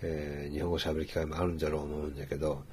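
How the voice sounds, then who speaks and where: A man speaking with a Hiroshima dialect in a relaxed, rambling casual monologue, full of fillers. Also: very deep voice, rapid-fire, a little hiss or hum.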